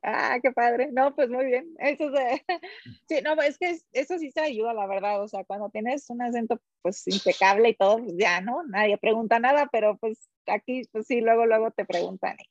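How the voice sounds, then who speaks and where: Mexican woman athlete guest, a bit high-pitched, filler-heavy chat, lo-fi dry remote line. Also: normal speed, no room sound. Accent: Mexican Spanish. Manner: rambling, many fillers like "este" and "o sea". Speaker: guest, professional triathlete. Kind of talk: casual conversational interview.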